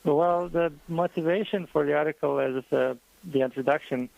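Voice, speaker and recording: A man answers interview questions over the phone. His voice is fairly high for a man and gravelly. He speaks hesitantly and thoughtfully, with many fillers. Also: normal speed, a little mellow, low-quality recording. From Croatia. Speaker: guest economist.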